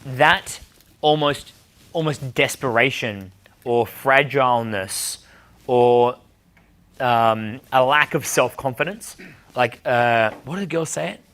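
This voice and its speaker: A young man giving a dating seminar, blunt and quick to swear, answering questions from the group. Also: medium pitch, fairly bright tone. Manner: blunt, swears freely, acts out bar dialogue. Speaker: dating coach.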